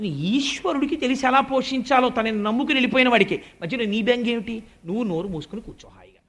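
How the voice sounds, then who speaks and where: High-voiced man giving a devotional sermon. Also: fast, a bit bright. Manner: conversational storytelling with polite asides to listeners; acts out quoted speech of family members and sages. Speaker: spiritual discourse speaker.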